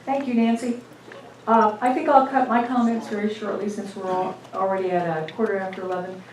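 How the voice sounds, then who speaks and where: A woman's voice: mid-range voice, fairly even intonation, a little fast, darkish tone, slight background noise. A woman minister leading a church service, speaking informally with many fillers and restarts. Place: church sanctuary. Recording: echoey room, distant mic.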